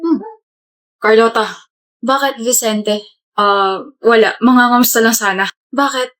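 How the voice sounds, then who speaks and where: A woman's voice: fairly high pitch, measured pace, a bit bright. A young woman playing chatty college friends who trade playful banter in a skit. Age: young adult. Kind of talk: skit role-play.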